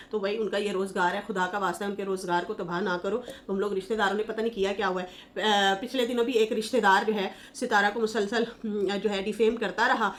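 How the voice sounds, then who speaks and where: A woman's voice: mid-range voice, a bit bright. A woman giving casual commentary, reading viewer comments aloud in a chatty, scolding manner and laughing as she mocks. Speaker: YouTube commentator.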